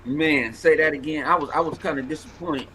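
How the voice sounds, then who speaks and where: A man in his forties hosting a podcast, ranting in a loud, profane, animated way. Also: fairly high pitch, fairly quick, crowd noise, low-quality recording. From Los Angeles. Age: 40s. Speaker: podcast host. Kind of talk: casual podcast banter.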